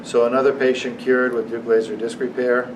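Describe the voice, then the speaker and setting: A man's voice: mid-range voice, little pitch movement, brisk. A man speaking as a surgeon, explaining to camera and interviewing a patient, repeating answers back. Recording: distant mic, noisy room.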